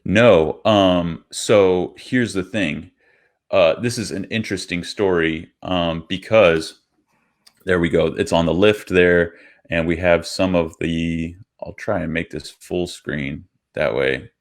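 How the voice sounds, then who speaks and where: A man's voice: low voice, slow pace. A man, co-host of a podcast, telling a casual, rambling story over a video call, with many fillers and restarts.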